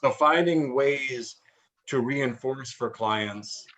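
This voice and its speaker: A man takes part in a class discussion, talking his ideas through thoughtfully. His phrases run long and wind as he goes. He speaks at an even, middling pitch. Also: slow, lo-fi sound. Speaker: massage therapist in a class discussion.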